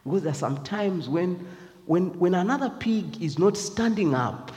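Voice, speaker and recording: A man's voice: high voice, animated, moderate pace, darkish tone, big-room sound. A man with a Zambian accent giving a reflective devotional talk, hesitant and full of fillers. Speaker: speaker.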